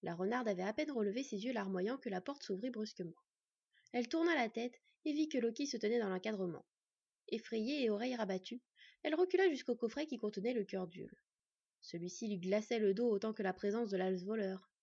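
A woman reading a fantasy novel aloud in an expressive storytelling way, in a dull, dry recording. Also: on the high side, a little fast, gravelly, breathy edge, no echo. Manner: expressive storytelling, acting out the characters. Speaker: audiobook narrator.

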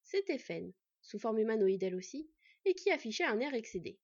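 Husky woman narrating a fantasy story. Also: a little high, brisk, no room sound. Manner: steady storytelling read. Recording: dull lo-fi, dry.

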